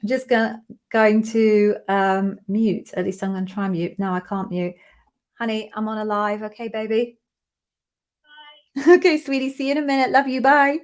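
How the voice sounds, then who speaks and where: A woman speaking softly and quickly in a muffled aside to her child, partly away from the mic as if a hand covers the phone. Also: on the high side, steady tone. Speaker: career coach hosting a live Q&A.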